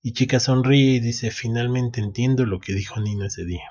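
A man's voice: mid-range voice, fairly even intonation, moderate pace, a little mellow, husky, muffled recording. A man recapping a manga chapter in a casual way, reading the lines aloud with frequent restarts. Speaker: anime recap host. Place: at home.

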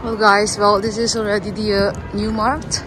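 A woman giving a casual walking-tour narration outdoors on city streets, talking hesitantly with many filler pauses. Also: mid-range voice, level tone, over music, poor audio. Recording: street noise around the voice.

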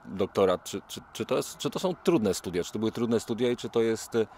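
A middle-aged radio reporter asking long, rambling questions with repetitions, outdoors at a stadium into a handheld mic. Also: male voice, on the low side, lively intonation, brisk, a little mellow, a little hiss or hum. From Poland. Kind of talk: interviewing.

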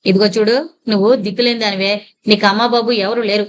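A woman's voice: mid-range voice, steady tone, fast, slight background noise, lightly acted. A woman voicing a harsh, bullying woman who keeps a liquor shop and scolds a small girl. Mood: threatening. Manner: scolding, shouting.

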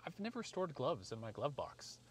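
A sing-song, mid-range voice at a moderate pace belongs to an American man in his forties, who rambles casually through installing a product while mocking himself. The how-to vlog's audio comes from a camera or phone mic at arm's length to a few feet, outdoors in a driveway and in a parked car, and it's noisy with clear background noise.

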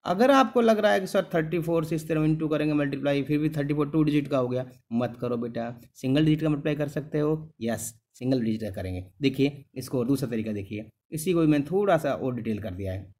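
A middle-aged man with a slightly high, slightly mellow voice teaches a maths lesson briskly, with few pauses. He patiently repeats each step, calls his students "beta," and keeps asking "clear?" to check they follow.

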